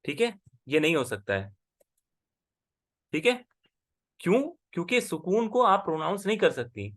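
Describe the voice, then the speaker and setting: A man's voice: a little high, sing-song, normal speed, a bit bright. A man teaching Arabic letters in an online class, explaining patiently and often checking that his student follows.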